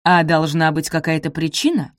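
Audiobook villain: icy, scornful middle-aged stepmother voiced by a woman, low and commanding, dry studio sound. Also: fairly even intonation, moderate pace, no echo, close to an everyday voice. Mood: cold, scornful. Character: cold, cruel middle-aged stepmother, hissing and contemptuous.

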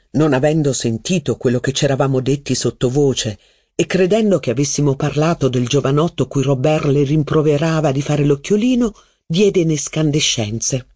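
An audiobook narrator reading a classic novel in an even, measured way. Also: mid-range voice, no room sound, clean studio sound.

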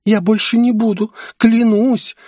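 A man voicing a spiteful female demon who turns shrill and begging, in a storybook reading. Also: slow, no room sound, clean studio sound. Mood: pleading.

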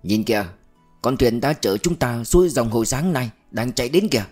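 A man voicing a thin, grey-haired older male official who speaks slowly and sadly, in an audiobook reading. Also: medium pitch, expressive, darkish tone, faint music behind, close to an everyday voice. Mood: somber. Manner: slow, sad, measured.

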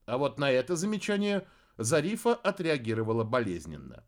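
A man narrating a children's fantasy audiobook. His delivery is expressive and animated, with a lively, swinging pitch. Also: fairly quick. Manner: expressive storytelling. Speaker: audiobook reader. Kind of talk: scripted narration.

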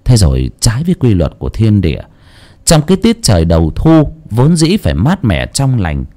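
A man narrating a horror story in a slow, brooding, expressive way. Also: on the low side.

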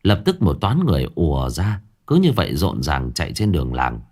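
A man's voice: very deep voice, sing-song, fairly quick, darkish tone. A man narrating a scripted ghost story in a dramatic, storytelling manner.

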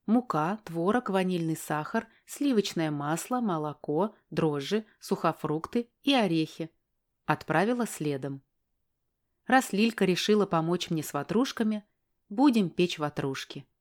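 A woman's voice: lowish voice, expressive, measured pace. A woman narrating a first-person story in a wry, matter-of-fact way. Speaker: audiobook narrator.

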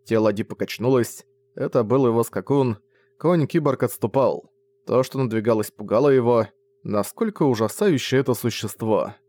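Man calmly narrating an audiobook. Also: mid-range voice, normal speed. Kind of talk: scripted narration.

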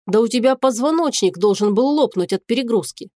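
Haughty dragon man, big and cynical, low curt commanding delivery, dry close audiobook read, voiced by a woman. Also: animated, a little fast, mellow, no echo, natural voice. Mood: gruff. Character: arrogant cynical male dragon shapeshifter, big and strong.

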